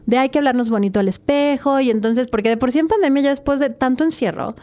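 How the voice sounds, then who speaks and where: A woman hosting an interview, lively and chatty, telling personal anecdotes. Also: high-pitched, quick pace. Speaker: podcast host. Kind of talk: conversational interview.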